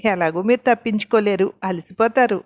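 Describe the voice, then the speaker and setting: Woman playing a calm, taunting woman boss. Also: mid-range voice, a little fast, lo-fi sound, natural voice. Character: cool, scheming woman boss, calm and mocking.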